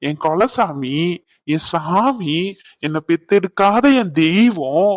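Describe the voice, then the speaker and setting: A man voicing a doting young husband who talks softly and coaxingly to his unborn child. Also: high voice, lively intonation, slow, dry recording, heavily acted. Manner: soft, coaxing, affectionate.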